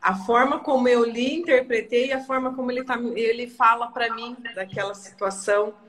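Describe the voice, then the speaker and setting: A Brazilian woman hosting a live online talk, chatty and quick to laugh. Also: a little high, fairly even intonation, a bit bright.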